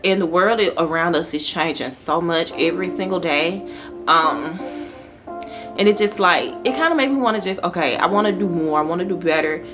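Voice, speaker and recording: A woman's voice: lowish voice, moderate pace. Woman, 30s, casual talk to camera, rambling with fillers, music playing behind. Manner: talkative, conversational, with frequent fillers and restarts. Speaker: vlogger. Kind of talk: casual sit-down chat.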